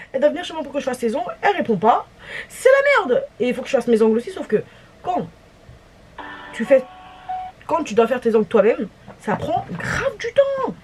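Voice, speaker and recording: Exasperated French woman vlogger, fast retelling. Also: a little high, noisy background. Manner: exasperated, animated storytelling with many restarts. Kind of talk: casual vlog story time.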